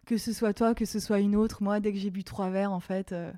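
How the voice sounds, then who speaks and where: A young woman quoting a dismissive young man, a careless partier, in a blunt, slightly lower, indifferent tone. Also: steady tone, moderate pace, mellow, no room sound, studio quality, natural voice.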